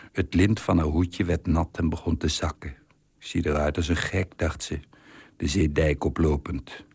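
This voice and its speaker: Slow, gravelly male story reader. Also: sits low, no room sound. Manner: calm, measured storytelling. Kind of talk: scripted narration of a short story.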